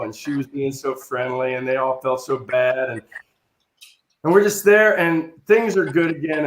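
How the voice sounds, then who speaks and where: A man telling a funny childhood story in a casual chat, animated and building to loud punchlines. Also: mid-range voice, echoey room, a little hiss or hum. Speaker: improv comedian telling a story. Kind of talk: casual storytelling on a video call.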